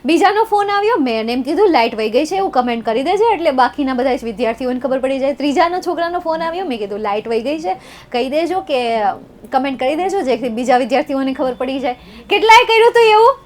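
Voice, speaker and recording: A woman's voice: high voice, animated, quick pace. A young woman with a Gujarati accent teaching a live revision lesson, playful and teasing with her students. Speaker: online tutor.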